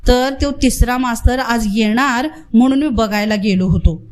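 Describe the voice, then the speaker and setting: A woman doing a rambling village man, a fumbling gossip who can never get his news out straight. His voice sits fairly high and slightly raised, rustic and meandering. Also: normal speed, lightly acted. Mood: grumbling.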